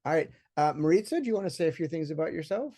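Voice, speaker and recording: A man moderating a panel discussion, talking in a relaxed, conversational way with many fillers. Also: a little high, very fast.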